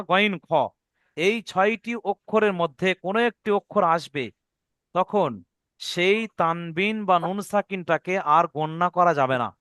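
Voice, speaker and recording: A man's voice: high voice, a bit bright, clean tone, no room sound, studio quality. A man teaching Quran recitation rules in an online lesson, patiently repeating each rule and checking that his students follow.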